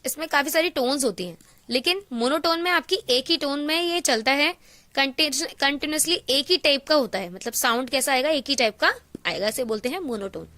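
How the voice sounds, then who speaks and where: A woman teaching a science class online, explaining in Hindi mixed with English terms, asking and answering her own questions and reading definitions out slowly. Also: sits high, pushed and bright.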